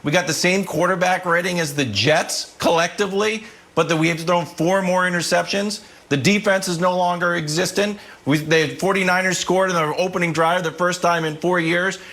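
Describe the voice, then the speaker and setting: A man's voice: sits high, normal speed, few pauses. A man on a sports debate panel, talking animatedly and laughing as he jokes as the Patriots fan. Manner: animated, joking, laughing as he talks.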